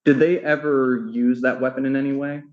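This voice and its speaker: Methodical attorney questioning a witness. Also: male voice, mid-range voice, level tone, brisk, a little mellow, dull audio. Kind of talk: courtroom questioning. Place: courtroom.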